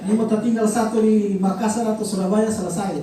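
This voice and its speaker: A travel agency director with a North Maluku accent, briefing a group of pilgrims at a send-off event, explaining with many pauses, fillers and repeated details. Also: mid-range voice, little pitch movement, mellow. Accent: North Maluku (Ternate Malay). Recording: very echoey hall, distant mic, crowd behind.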